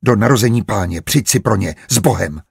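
A man's voice: on the low side, no room sound, clean studio sound, heavily acted. A male narrator voicing a stubborn, grumbling farmer who answers curtly and with contempt. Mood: contemptuous. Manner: gruff, curt and hostile.

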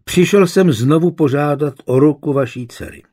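A man's voice: fairly high pitch, mellow, pitched above the performer's own voice, natural voice. A man voicing an earnest young suitor. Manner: earnest, determined. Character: young man pleading for his beloved.

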